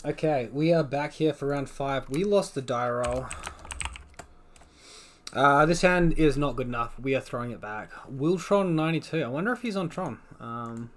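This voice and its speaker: A young man offers casual live commentary on his own card game match, thinking aloud about every play and swinging between groans and relieved excitement. His voice is mid-range at a moderate pace, with a little hiss or hum.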